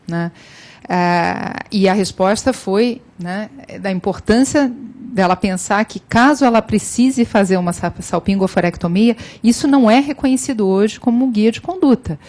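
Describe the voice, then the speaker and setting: Uma médica com sotaque brasileiro que apresenta um caso numa reunião clínica online, hesitando com muitos "é". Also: female voice, medium pitch, darkish tone. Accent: Brazilian Portuguese. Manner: hesitant, many "é" fillers. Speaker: physician presenting a case. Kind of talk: online clinical case meeting.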